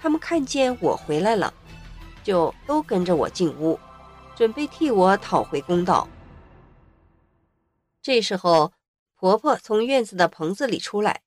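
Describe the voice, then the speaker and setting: Expressive woman telling her own story. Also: mid-range voice, unhurried, long pauses, faint music behind. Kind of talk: first-person story narration.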